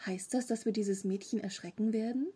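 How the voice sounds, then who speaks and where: A woman's voice: medium pitch, steady tone, a little fast, warm tone, breathy edge. A woman reading a storybook, voicing an earnest, questioning nine-year-old boy.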